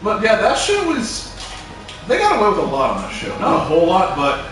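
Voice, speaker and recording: A man's voice: high-pitched, brisk. A man chatting casually while playing video games with friends, telling rambling stories. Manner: animated, rambling storyteller. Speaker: gaming video co-host. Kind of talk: casual gaming chat. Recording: echoey room, distant mic, faint music.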